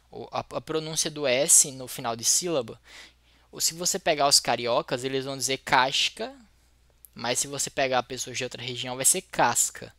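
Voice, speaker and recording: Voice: mid-range voice, bright, forceful tone, dry recording. A teacher with a Brazilian Portuguese accent giving an explanatory lecture, thinking aloud and restarting words mid-sentence.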